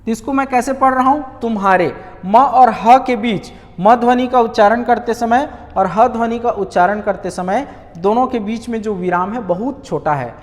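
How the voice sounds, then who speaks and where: A male Hindi grammar teacher giving an online lesson. He asks rhetorical questions, answers them himself, and repeats key words slowly. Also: sits high, in a large hall.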